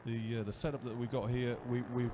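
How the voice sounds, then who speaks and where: A man's voice: mid-range voice, level tone, a little fast, noisy background. A man with a British accent doing live race commentary, chatty and asking his co-commentator questions. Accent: British English.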